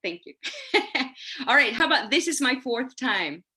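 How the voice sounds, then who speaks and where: A woman in her sixties leading an online teacher-training webinar over a video call, enthusiastic and quick to laugh. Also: high-pitched. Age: 60s. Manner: lively, enthusiastic, laughs often. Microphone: laptop webcam on a video call.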